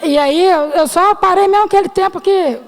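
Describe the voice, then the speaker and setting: A middle-aged woman stands before her congregation sharing an emotional personal testimony, often pausing to address them as brothers and sisters. Her voice sits high. The sound carries a long reverb from the church hall. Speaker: church member giving testimony.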